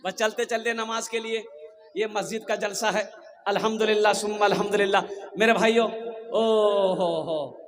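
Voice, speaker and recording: Male preacher with a very high voice, emphatic sermon delivery that pushes the crowd to answer back. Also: fairly even intonation, normal speed. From Kolkata, India. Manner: emphatic, calls out questions to the crowd and rises to shouts. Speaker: Islamic preacher. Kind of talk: sermon at a mosque gathering.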